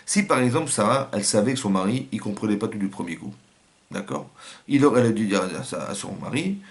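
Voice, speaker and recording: A man's voice: lowish voice, animated, fast. A man with a French accent giving a religious lesson as a rabbi, acting out little scenes and quotes in changing voices.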